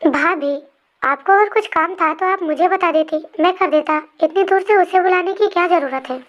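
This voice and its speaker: A woman's voice: very high-pitched, normal speed, muffled recording. A woman voicing a remorseful young man who pleads with his lover, in an emotional fan storybook reading. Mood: uneasy.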